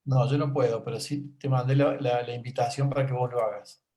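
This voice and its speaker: Argentine man with a mid-pitched voice. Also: steady tone, a little fast, dark tone. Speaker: technical helper on an online meeting. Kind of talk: casual video-call chat. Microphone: video call.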